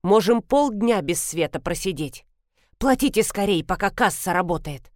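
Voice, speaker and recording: A woman voicing a grumpy, half-deaf elderly woman pharmacist who scolds loudly and demands people speak up. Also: medium pitch, animated, normal speed, no room sound, studio quality, close to an everyday voice. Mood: scolding.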